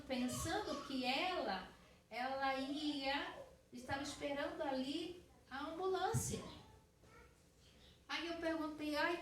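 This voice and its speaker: A woman's voice: high-pitched, slight background noise. A woman missionary with a Brazilian Portuguese accent giving a testimony sermon, talking conversationally and addressing the congregation directly. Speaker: missionary preacher. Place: church hall. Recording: echoey church hall, distant mic.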